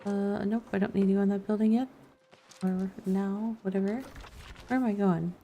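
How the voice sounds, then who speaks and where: Speaking at a normal pace with fairly even intonation and medium pitch, a female game streamer gives relaxed let's-play commentary. She mostly thinks out loud to herself while soft background music plays faintly.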